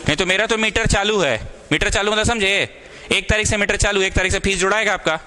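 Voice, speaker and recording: A young man with a high, sharp voice teaches maths briskly to a few students. He mixes Hindi and English, and his scolding carries a caring tone.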